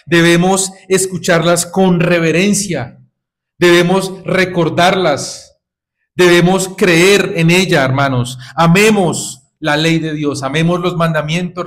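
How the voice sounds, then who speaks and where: A man preaching a sermon to his congregation, exhorting them with repeated rhetorical questions and calls of "brothers". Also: on the high side. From Colombia.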